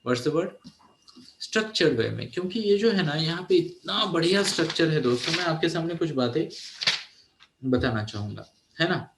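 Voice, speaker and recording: Speaking on the high side with animation and at a normal speed, a teen mentor in his forties gives a motivational talk in Hindi laced with English, frequently asking "है ना?". The recording is reverberant, with background noise.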